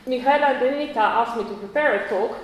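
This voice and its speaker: Speaking quickly in a somewhat high voice, a conference lecturer whose first language is Croatian presents an academic talk in a hall with heavy echo. Her delivery is conversational, full of restarts, self-corrections and small laughs.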